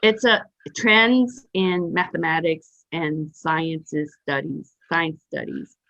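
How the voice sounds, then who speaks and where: A woman's voice: deep voice, fairly even intonation, takes it slowly, gravelly, bright, forceful tone. A woman from Taiwan hosting a casual interview over a video call, talking in a rambling way with many fillers and restarts. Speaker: host. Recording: dull lo-fi call audio.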